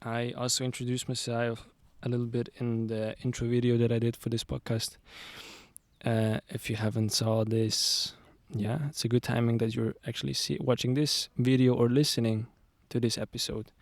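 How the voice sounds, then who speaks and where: A man in his twenties from Zurich, hosting a podcast episode outdoors in a relaxed, rambling way with many fillers and restarts. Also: mid-range voice, normal speed, no room sound. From Zurich, Switzerland. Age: 20s. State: sweaty in the heat. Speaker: podcast host. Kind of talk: casual solo monologue. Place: outdoors on a sunny hill.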